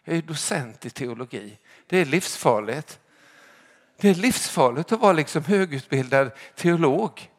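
Emphatic male preacher, higher-pitched voice. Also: animated. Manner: emphatic, rhetorical, repeating "eller hur?"; shifts between loud calling out and quiet drops. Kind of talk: sermon.

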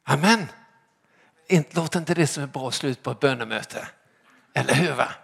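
A man preaching a sermon to his congregation, emphatic and rhetorical, often asking "right?" and swinging between loud calling out and quiet drops. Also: mid-range voice, gravelly, husky. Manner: emphatic, rhetorical, repeating "eller hur?".

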